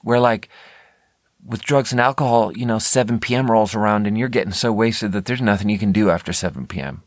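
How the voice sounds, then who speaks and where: Recorded cleanly in a studio with no echo, this American podcast host talks alone in a fairly low voice at a brisk clip. His solo talk is a loose, candid ramble, full of self-interruptions and a conversational feel.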